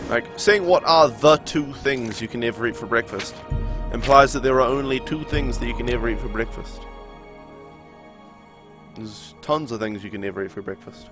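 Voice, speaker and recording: A young streamer from New Zealand, with a New Zealand accent, chats with viewers during a live game stream, reading their chat messages aloud and answering them. He speaks at medium pitch and normal speed over background music.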